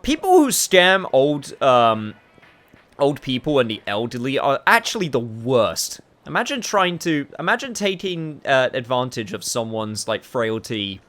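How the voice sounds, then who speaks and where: A man's voice: medium pitch, a bit bright. A young man giving chatty, sweary, casual commentary over a video game he is playing. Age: young adult. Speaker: gaming video host. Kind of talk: casual gameplay commentary with game lines read aloud. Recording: music behind the voice.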